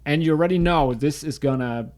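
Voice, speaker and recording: A man's voice: fairly high pitch, a little fast, a little mellow. Reflective man, podcast co-host. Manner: reflective, searching for words. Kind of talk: faith podcast chat.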